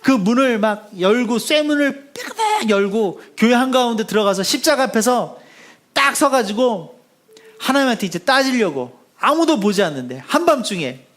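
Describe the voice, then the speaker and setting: A male pastor preaching a sermon as animated storytelling. He acts out the voices of the people in his story and sinks to a hushed, soft delivery as he closes. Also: extremely high pitch, moderate pace. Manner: drops to a hushed, soft delivery when closing.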